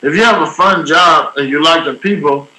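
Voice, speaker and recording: A man's voice: fairly high pitch, normal speed, noisy background. A man co-hosting a casual podcast, giving crude, opinionated takes with a joking edge. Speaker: podcast co-host. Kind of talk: casual chat.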